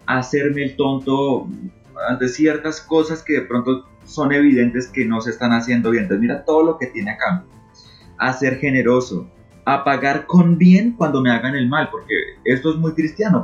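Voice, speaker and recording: A man speaking as an interview guest, talking earnestly and emotionally about faith and prayer, often repeating words for emphasis. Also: mid-range voice. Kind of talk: reflective talk on faith and prayer. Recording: muffled recording with faint music. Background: faint music.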